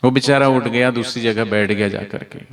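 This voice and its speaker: A man's voice: mid-range voice, fairly even intonation, moderate pace. A male preacher from Madhya Pradesh giving a devotional sermon, telling stories and asking the audience rhetorical questions.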